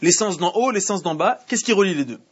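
High, husky man teaching a Torah class. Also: animated, fast talker. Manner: questions the students, repeats himself, restarts. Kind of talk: Torah class in French with Hebrew readings. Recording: muffled lo-fi classroom recording.

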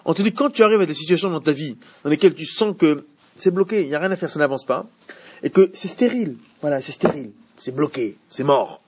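Homme enseignant animé à la voix aiguë. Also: male voice, fairly high pitch, a little fast, muffled recording, slight background noise. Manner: animated, asks the class questions. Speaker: Torah teacher. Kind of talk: Torah class.

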